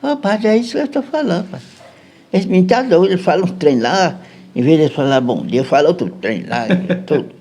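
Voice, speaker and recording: A man's voice: high-pitched, lively intonation, a little fast, dark tone, a little hiss or hum, pitched above the performer's own voice. A man voicing his worried, exasperated middle-aged mother, speaking with a Brazilian accent. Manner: pleading, exasperated country speech.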